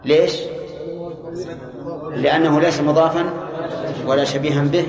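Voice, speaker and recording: A man's voice: a little high, fairly even intonation, crowd noise. Older guy teaching grammar, keeps quizzing the class, dull old recording with a long hall echo. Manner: measured, questioning students with short prompts.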